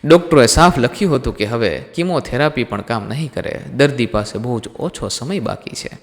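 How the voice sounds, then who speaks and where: A man's voice: mid-range voice, expressive, fairly quick. A man narrating a scripted emotional story dramatically, calling listeners his friends. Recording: long hall reverb.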